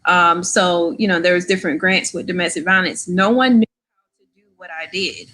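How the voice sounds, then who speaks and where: A woman's voice: lowish voice, brisk, pushed and bright. A woman in her thirties from Florida, a podcast guest telling her story in a chatty, casual way, often tagging lines with "right?" and "like". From Florida, USA. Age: 30s. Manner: chatty, lots of "like" and "right?" tags.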